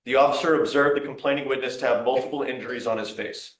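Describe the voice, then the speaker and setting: A man's voice: mid-range voice, fairly even intonation, fast talker. Echoey male voice reading case reports. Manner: matter-of-fact, formal. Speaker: court officer reading probable cause statements. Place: courtroom. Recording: echoey courtroom sound.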